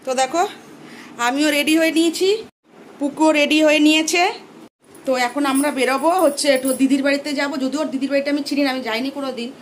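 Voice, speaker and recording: Fast-talking young mother vlogging. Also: high-pitched, steady tone, a little hiss or hum, low-quality recording. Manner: chatty, talks straight to viewers. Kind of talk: casual daily vlog narration. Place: outdoors on the street, then at home.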